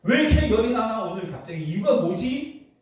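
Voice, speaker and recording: A man preaches a Sunday sermon, driving his points home with repeated questions. His voice sits high and swings widely in pitch. The recording is distant and washed in heavy church reverb. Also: very animated, fairly quick. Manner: preaching with rhetorical questions, emphatic repetition. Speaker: pastor. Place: church sanctuary. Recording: echoey church hall, distant mic.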